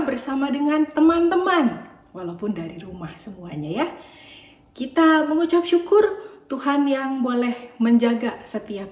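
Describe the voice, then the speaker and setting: A woman preacher giving a children's sermon, gentle and coaxing as she talks to the kids. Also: fairly high pitch. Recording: roomy echo.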